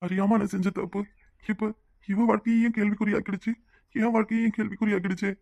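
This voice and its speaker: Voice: mid-range voice, fast, a bit bright, lightly acted. A voice actor playing a hot-headed young man caught between two women in a cartoon drama. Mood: despairing. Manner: curt, accusing. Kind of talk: cartoon voice acting.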